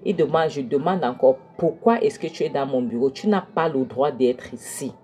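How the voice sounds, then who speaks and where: Lady playing an angry boss guy, stern, keeps repeating his orders, low voice. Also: moderate pace, warm tone, faint music behind. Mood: stern, commanding.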